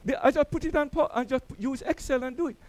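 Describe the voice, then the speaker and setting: A middle-aged Jamaican church elder with a Jamaican accent preaches a sermon and tells stories, his volume swelling on key words. His voice is very high and he speaks quickly. There is no echo.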